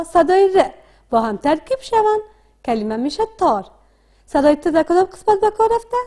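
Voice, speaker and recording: A woman with a Dari accent teaching a literacy lesson, asking questions and answering them herself in a slow, deliberate way. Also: high-pitched, warm tone. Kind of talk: classroom lesson.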